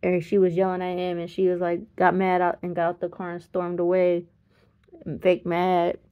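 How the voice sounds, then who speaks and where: A tired vlogger in her thirties rambles casually through a family story, often correcting herself and chuckling mid-sentence. Her voice is fairly low, monotone and clear with a resonant tone, at normal speed, and the lo-fi recording sounds slightly dull.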